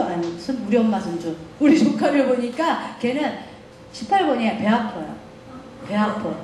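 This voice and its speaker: Brief: middle-aged woman lecturer, lively and laughing, higher voice, echoey hall. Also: slight background noise. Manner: animated storytelling, laughing often. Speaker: guest lecturer.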